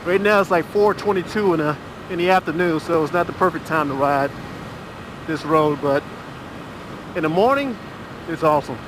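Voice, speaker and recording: A middle-aged man, chatting casually while riding a motorcycle. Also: fairly high pitch. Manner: relaxed, chatty, drawn-out filler pauses. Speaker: motovlogger. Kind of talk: casual ride commentary. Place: riding a motorcycle on a rural road. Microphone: helmet mic. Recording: wind and engine noise from a motorcycle helmet mic. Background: motorcycle engine and road noise.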